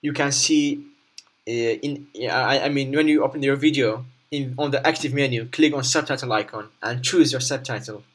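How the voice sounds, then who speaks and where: A man with a mid-pitched voice presents a software tutorial without a script. He moves through each step haltingly, often repeating or rewording an instruction as he explains what to do on screen.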